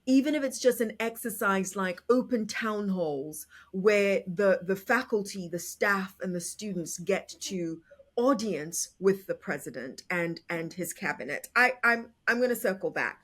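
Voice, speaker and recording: This is a woman host guiding an interview with an expressive, emphatic delivery. She restarts phrases as she builds her questions and keeps the conversation moving. Her voice sits in an ordinary middle range for a woman. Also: medium pitch, measured pace. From raised in England and Africa. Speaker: podcast host.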